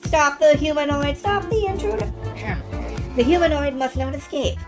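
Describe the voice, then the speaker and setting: Glitching robot guard, high and shrill, barks clipped alarms, as a woman puts it on. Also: normal speed, close to an everyday voice. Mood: alarmed, glitching. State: glitching, throwing errors. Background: music.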